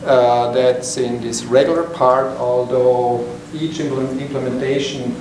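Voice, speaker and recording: A man's voice: mid-range voice, fairly even intonation, far from the mic. Middle-aged swiss guy giving a tech talk, lots of uhs, echoey room, mic way off, noisy. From Switzerland. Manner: halting, many fillers and restarts. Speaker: meetup presenter. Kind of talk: technical talk to a small group. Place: conference room, standing by a projector screen. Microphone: far camera.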